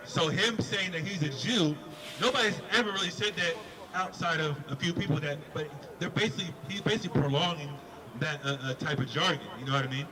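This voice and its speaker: A man's voice: on the high side, brisk, low-quality recording. A man preaching on a city street, questioning a passerby in an emphatic debate and repeating words as he drives his point home. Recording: busy street crowd behind.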